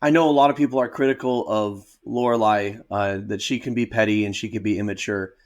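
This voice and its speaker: A man's voice: on the low side, steady tone, a little fast. A man giving analytical, explanatory commentary as a therapist, with emphatic phrasing.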